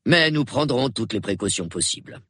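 A man's voice: mid-range voice, animated, moderate pace, sharp tone, slightly rough, no echo. A man voicing a stern colonel who speaks dryly and curtly in a storybook reading. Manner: dry and clipped. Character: curt, stern male colonel.

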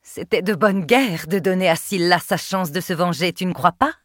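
A woman's voice: moderate pace, fairly bright tone, no echo, clean studio sound. A woman voicing a sneering, cruel queen. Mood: mocking. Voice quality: sneering, shrill when angry. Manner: taunting, imperious. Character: cruel haughty queen, adult woman, mocking. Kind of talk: audiobook character voice.

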